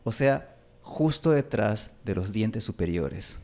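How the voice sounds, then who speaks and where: A man hosting a phonetics lesson as a teacher, speaking deliberately and repeating example words slowly to demonstrate their sounds. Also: fairly low pitch, expressive, a little mellow. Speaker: Spanish pronunciation teacher and channel host.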